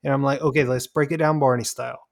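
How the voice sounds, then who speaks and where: A man's voice: medium pitch, steady tone, fast talker, gravelly. A man co-hosting a podcast, telling stories in casual chat, swearing freely and acting out what people said. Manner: storytelling, acts out quoted dialogue, swears freely. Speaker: podcast co-host.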